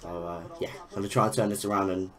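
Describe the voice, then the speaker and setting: A man's voice: lowish voice, level tone, fast, a crowd in the background. A young man giving casual, frustrated gameplay commentary, swearing and exclaiming over each goal. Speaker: gaming YouTuber.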